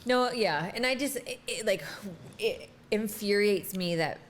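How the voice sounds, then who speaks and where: A woman's voice: mid-range voice, unhurried, slight background noise. A woman co-hosting a podcast, talking bluntly and frankly in casual chat. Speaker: podcast co-host.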